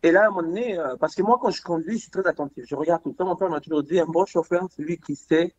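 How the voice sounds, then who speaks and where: A young man telling a story in casual chat, animated, repeating words and acting out the dialogue. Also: fairly high pitch, quick pace, slight background noise. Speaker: podcast guest. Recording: dull lo-fi sound.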